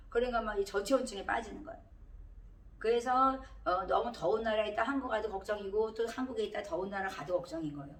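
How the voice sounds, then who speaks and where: A middle-aged woman pastor giving a sermon in a conversational way, now and then rising into emphatic exhortations. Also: mid-range voice. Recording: roomy echo, heard from a distance.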